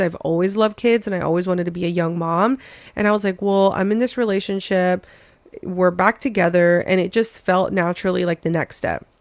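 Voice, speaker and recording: A woman's voice: medium pitch, no echo. Young female podcaster, casual storytelling, chatty and emphatic, dead-dry close sound. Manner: chatty, emphatic, says "girl" and "like" often. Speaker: podcast host.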